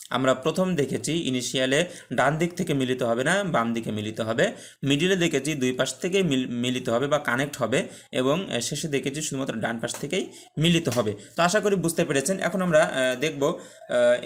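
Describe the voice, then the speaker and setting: A young man teaching Quran reading with tajweed in an online lesson, explaining step by step with frequent filler sounds and chanting Arabic words slowly. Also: medium pitch. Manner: patient, explains step by step, many "ah" fillers, checks "okay?".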